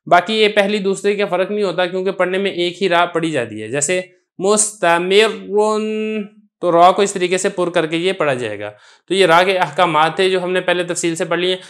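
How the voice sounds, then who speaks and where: High-voiced man teaching recitation rules. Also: a bit bright. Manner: patient, explains step by step, repeats examples slowly. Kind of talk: recorded lesson explaining Quran recitation rules.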